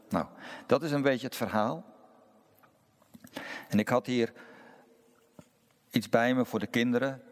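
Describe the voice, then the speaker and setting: A man preaching a sermon as pastor and reading scripture aloud, slow and deliberate with pauses. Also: medium pitch. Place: church. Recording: long reverb of a church hall.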